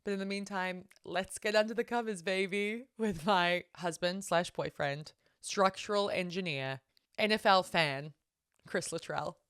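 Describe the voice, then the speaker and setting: Woman host, transatlantic Kiwi accent, lower-pitched voice, dry teasing manner, conversational podcast banter. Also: unhurried, fairly bright tone, clear, resonant tone. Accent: transatlantic, softened New Zealand. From New Zealand. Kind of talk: casual banter.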